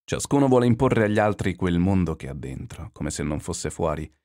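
A man narrating a literary novel in a measured, expressive, introspective reading. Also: low voice.

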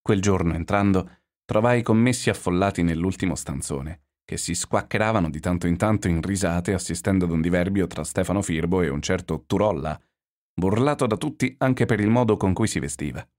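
A man with a very low, deep voice reads literary fiction aloud, measured and expressive. His narration turns inward and reflective, pacing each clause with care. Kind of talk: literary audiobook reading.

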